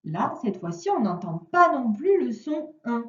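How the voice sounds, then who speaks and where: A woman teacher giving a recorded reading lesson, speaking clearly and patiently to a single child. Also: fairly high pitch, sing-song. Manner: slow, clear, patient instruction addressed to one child. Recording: echoey distant lo-fi room recording.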